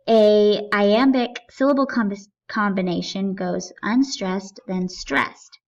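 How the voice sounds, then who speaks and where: A woman teacher explaining poetry step by step, patiently thinking aloud and asking herself questions as she goes. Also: medium pitch. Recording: dull lo-fi recording.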